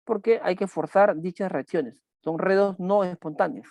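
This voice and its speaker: A man's voice: sits high, normal speed, a little mellow, no echo. A man teaching a chemistry class online, repeating key points and asking students questions as he goes.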